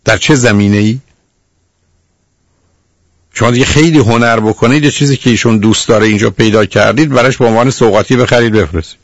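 A man with a gravelly, creaky voice giving advice on a radio call-in show. His talk is stern and lecturing, close and dry with no room sound. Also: mid-range voice, long pauses, no echo. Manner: stern, lecturing, repeats "dear" to the caller. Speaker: radio counselor.

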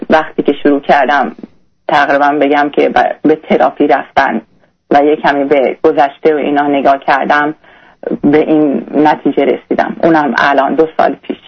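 Hesitant young woman caller, muffled. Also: low-pitched. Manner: halting, hesitant, many restarts. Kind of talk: radio call-in conversation.

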